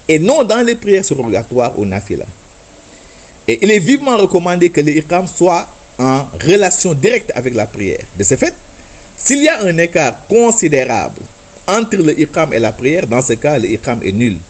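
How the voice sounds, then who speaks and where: A man teaching a religious lesson in a slightly husky voice. His pitch moves a lot as he explains points patiently and sings out words to show how they should sound. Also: a little mellow. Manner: patient, explanatory, demonstrates chanted Arabic words and repeats "n'est-ce pas". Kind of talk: religious instruction talk.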